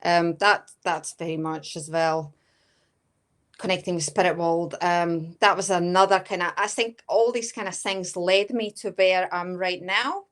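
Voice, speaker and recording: Her voice is mid-range and fairly bright as this woman from Latvia, in her thirties, responds to interview questions as a medium-level guest. Her accent is Latvian with a Scottish tinge, and she speaks hesitantly, full of fillers and frequent uses of "kinda."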